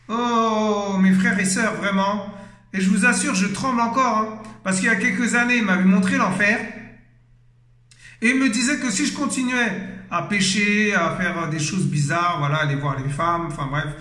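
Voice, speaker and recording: A man's voice: sits high, pushed and bright, roomy sound. A man giving an impassioned, fervent exhortation as a preacher, emotional, exclaiming and repeating himself.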